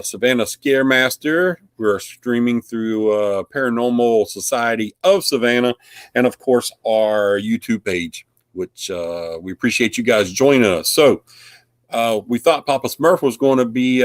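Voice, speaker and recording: A man's voice: mid-range voice, animated, measured pace, dry recording. A man hosting a casual live stream recap of a paranormal investigation, rambling with lots of fillers. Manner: rambling, filler-heavy, friendly.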